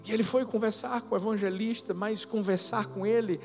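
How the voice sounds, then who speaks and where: High-voiced preacher in a reverberant church. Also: male voice, steady tone, a little fast. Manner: emotive storytelling preacher, swings between soft and loud. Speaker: pastor. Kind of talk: sermon. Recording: long hall reverb with music behind. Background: musical instrument playing.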